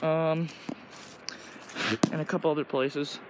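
A man's voice: on the high side, level tone, slow. A teenage boy from Illinois, talking loosely and crudely while walking through the woods with a phone camera. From Illinois, USA. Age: teens. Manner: rambling, crude, loose talk with lots of "like". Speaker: vlogger. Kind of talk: casual walking vlog. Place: outdoors in woods. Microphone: phone camera held while walking. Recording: noisy outdoor phone recording.

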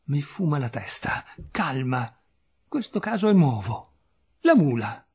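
A man's voice: medium pitch, big pitch swings, measured pace, darkish tone, slightly rough, heavily acted. A man reading a story aloud, voicing an irascible landowner who exclaims and fusses in agitation. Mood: agitated. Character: irascible middle-aged male landowner, fussy and stingy.

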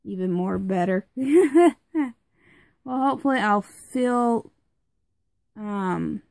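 A young woman, audibly stuffed up, talks slowly through a product review at home in a rambling, chatty way full of fillers. Her medium-pitched, slightly mellow voice has lively intonation and vocal fry, recorded dry with no room echo.

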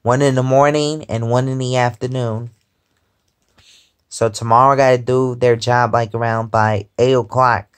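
Lying in bed at home, a twenty-five-year-old man in his twenties films a casual vlog chat on a phone held close above his face, rambling and repeating "because, um" a lot. He has a clear, resonant mid-range voice, delivered flatly at a moderate pace.

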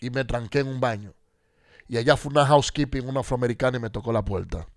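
Male pastor, radio testimony, gravelly, animated, acts out each line of dialogue. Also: mid-range voice, quick pace, dry recording, studio quality, soft background music. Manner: animated storyteller acting out dialogue. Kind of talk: personal testimony on a radio show.

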